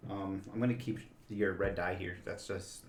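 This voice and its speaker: A man with a fairly low voice talks through a card game one play at a time, counting and naming each move. He sounds unhurried and deliberate. The recording carries a noticeable room echo and a clear layer of background noise. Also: steady tone. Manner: methodical, announces each play aloud. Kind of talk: casual game-night chat.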